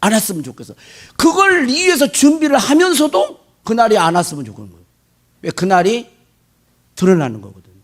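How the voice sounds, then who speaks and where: Speaking a little fast in a high voice, a male pastor preaches an animated sermon, mimicking worshippers' prayers and peppering the congregation with rhetorical questions.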